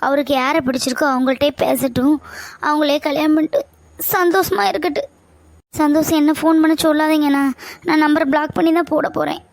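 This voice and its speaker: A woman's voice: sits high, fairly even intonation, brisk, creaky, no room sound. A woman playing a hurt, tearful young woman in an amateur family skit, insisting she wants no more contact with her fiancé. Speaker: younger sister figure.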